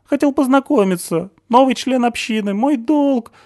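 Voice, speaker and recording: A man voicing a shrill, cowardly and panicky young man, stammering and hysterical, in an audiobook reading. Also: normal speed, a little mellow. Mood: panicked. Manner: hysterical, high-pitched and stammering.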